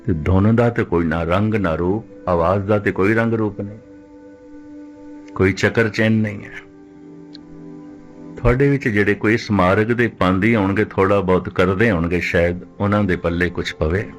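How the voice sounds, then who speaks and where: Low-voiced man preaching a sermon. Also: fairly even intonation, faint music behind. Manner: slows down to recite scripture lines, rhetorical questions. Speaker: Sikh preacher giving katha.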